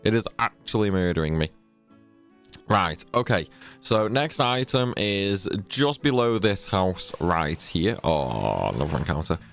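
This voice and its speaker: Man, low voice, lively swings in pitch, casual game walkthrough, rambling, sneezy. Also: a little slow, faint music behind. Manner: chatty, rambling, self-correcting. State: sneezy, stuffy from a cold. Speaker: gaming guide creator.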